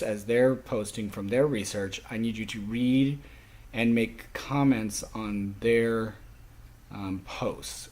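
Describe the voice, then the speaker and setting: A college sign language instructor explains the course rules to his class, pausing briefly and often as he teaches. His voice is fairly low and a little mellow.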